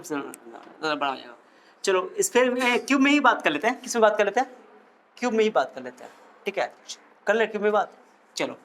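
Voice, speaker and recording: High-voiced, joking physics teacher. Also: male voice, pushed and bright, a little hiss or hum. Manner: teasing, jokey, quizzes the students. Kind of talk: playful classroom lecture.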